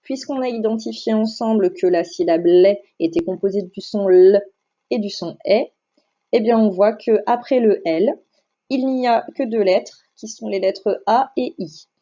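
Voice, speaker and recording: A woman teaching phonics to young children in a recorded slideshow lesson. She speaks slowly and carefully, stretching each sound so the children can hear it. Her voice is mellow and soft, and the recording sounds a little dull and lo-fi. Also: mid-range voice. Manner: slow, careful, over-articulating sounds and syllables. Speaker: primary school teacher.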